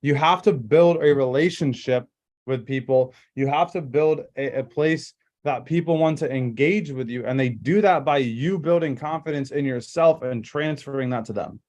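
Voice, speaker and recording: A man's voice: mid-range voice, moderate pace, a little mellow. A man leading a casual sales training over a group video call, talking in emphatic, rambling bursts with lots of fillers and restarts.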